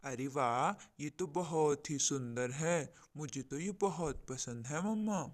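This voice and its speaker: A man's voice: fairly high pitch, slow. A man voicing an eager owl who comes with a marriage proposal in a cartoon.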